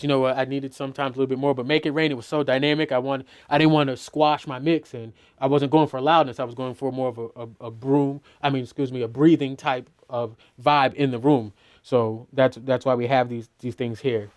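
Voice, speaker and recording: A man's voice: medium pitch, clean tone. A middle-aged mix engineer talks through his mixing process in a studio, casual and loose, full of "you know" and restarts. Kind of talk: teaching a mixing walkthrough.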